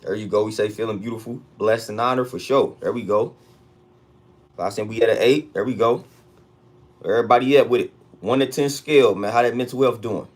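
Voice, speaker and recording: Low-pitched American man, street-slang livestream host. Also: brisk. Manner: street-slang hype talk, repeating catchphrases. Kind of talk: casual livestream check-in chat.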